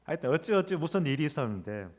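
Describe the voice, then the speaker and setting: A male pastor preaches in a church sanctuary, telling a story with lively, wide-ranging inflection. His voice rings with the long reverb of the hall, and he acts out the quoted lines as he goes. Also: fairly high pitch, quick pace. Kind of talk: sermon with personal story.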